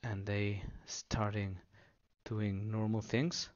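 A man explaining things simply for children, unscripted, in short halting phrases with pauses, on a dull lo-fi recording. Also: lowish voice, flat delivery. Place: indoors at a table.

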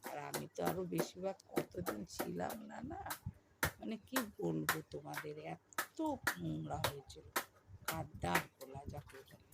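A middle-aged woman with a Bengali accent and a hoarse voice, chatting to her viewers as she talks over her housework. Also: deep voice, a little slow, over loud music. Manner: chatty, addresses viewers as friends. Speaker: vlogger. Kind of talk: casual voice-over of household chores.

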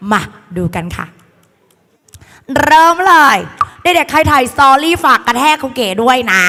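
A woman tutor with a cold and a hoarse voice, teaching a playful exam-prep lecture to a hall of students. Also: a little high, sharp tone. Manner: playful, teasing, calls the students "kids". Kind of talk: lively classroom lecture. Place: large hall full of students. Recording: echoey hall.

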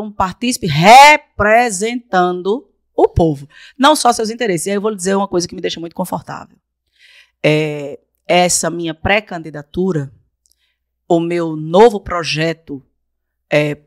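A Brazilian woman in her forties, raised in Paraíba, appears as a guest on a podcast interview; she is a council candidate. She speaks emphatically into a desk mic on a boom arm, repeating phrases for effect, in a small studio with a blue-lit backdrop. There is no echo.

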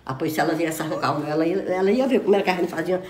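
A woman with a Northeastern Brazilian accent playing a furious mother in a comedy sketch, scolding loudly with crude insults and sudden outbursts. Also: on the low side, very fast, a little hiss or hum. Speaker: comic mother character.

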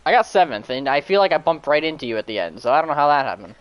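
Woman, low voice, playful gamer banter. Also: big pitch swings, rapid-fire, lo-fi sound. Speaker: streamer. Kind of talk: casual gaming chat.

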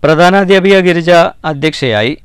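A male reporter with a Kerala Malayalam accent reads a scripted regional news voice-over in a strikingly smooth, clear voice that's a little high for a man. The recording is close and dry with no room sound. He's animated yet keeps a measured, formal pace, letting his pitch drop at each sign-off.

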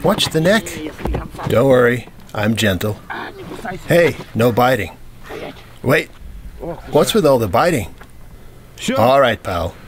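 A man's voice: medium pitch, big pitch swings, slow pace, pauses often, a crowd in the background. A man speaking an English documentary dub voice-over in a plain conversational way, retelling field stories. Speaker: voice-over dubber.

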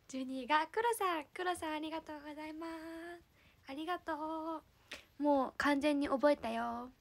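Giggly high-voiced young woman with a Hakata accent. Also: normal speed, gravelly. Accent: Hakata dialect. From Fukuoka, Japan. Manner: giggly, often drops to a soft murmur. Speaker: idol livestreamer. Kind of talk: casual livestream chat.

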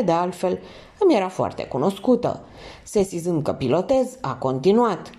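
A woman reading a crime novel aloud in the first person, lifting her voice for the characters' lines. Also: dark tone. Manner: reads in first person, lifts pitch for quoted speech. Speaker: audiobook reader.

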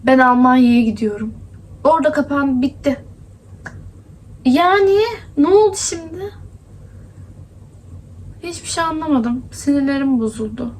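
Chatty high-voiced young woman from Adana. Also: measured pace, pauses often. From Adana, Turkey. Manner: chatty, complaining, often laughing. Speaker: vlogger. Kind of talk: casual daily vlog. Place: indoors at home, then outdoors in hot streets.

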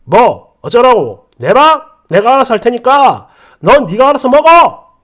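A man's voice: very high voice, big pitch swings, unhurried, fairly bright tone, exaggerated voice. A man voicing a curt, irritable young boyfriend who answers dismissively, in a story read aloud. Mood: irritated. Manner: snappish, dismissive.

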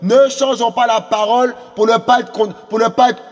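A man's voice: very high-pitched, steady tone, normal speed, in a large hall. A male preacher delivering a fervent sermon, repeating phrases and stumbling over fillers as he exhorts. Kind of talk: evangelistic sermon.

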